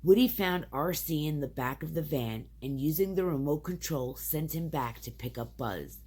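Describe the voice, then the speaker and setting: Young mom reading a kids book out loud, low husky voice, slow and sing-songy. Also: female voice. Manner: expressive, sing-song storytelling. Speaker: parent reading to her child. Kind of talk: reading a children's storybook aloud.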